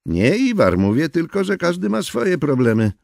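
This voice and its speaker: A man's voice: a little high, sing-song, moderate pace, vocal fry, darkish tone, dry recording, studio quality, voice pushed up, heavily acted. Man doing a smug lecturing coworker. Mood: calm. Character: calm, know-it-all male coworker.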